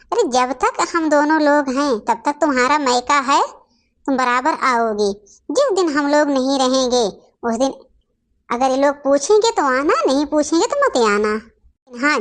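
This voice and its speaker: A mild, soft-spoken older mother-in-law from a cartoon family story, as a woman acts her out. Her voice sits high but quieter and lower than the rest of the household, pleading rather than arguing.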